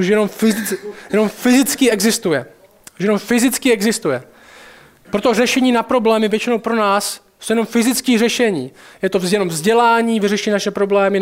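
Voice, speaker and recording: A man preaching a sermon, speaking straight to his listeners with urgency and slowing down to stress key phrases. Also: high voice.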